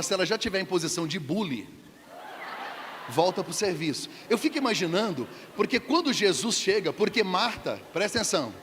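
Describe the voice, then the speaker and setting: A man's voice: on the high side, a bit bright. A man preaching a humorous sermon, joking and questioning the congregation. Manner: playful, jokes and asks the congregation questions. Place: church hall. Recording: church hall reverb, faint background noise.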